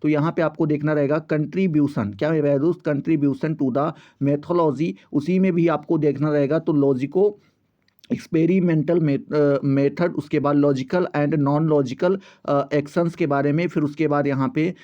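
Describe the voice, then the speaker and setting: A man's voice: a little high, steady tone, dark tone. Guy teacher going thru a syllabus, trips over english words a lot, kinda dull lo-fi audio. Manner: halting, restarts on English terms; repeats stock phrases. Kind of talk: syllabus walkthrough lesson.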